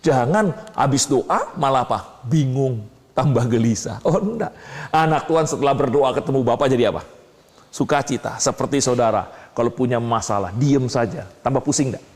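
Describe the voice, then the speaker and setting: A man preaching a sermon, asking his listeners questions and answering them himself, swinging between low asides and sudden high exclamations. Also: normal speed, darkish tone. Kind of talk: sermon teaching. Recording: long hall reverb.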